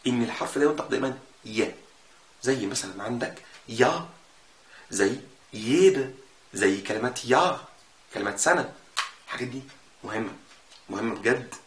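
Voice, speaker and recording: A man with an Egyptian Arabic accent teaching a casual language lesson, repeating sounds slowly to show them. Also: mid-range voice, expressive, a bit bright. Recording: echoey room with faint noise.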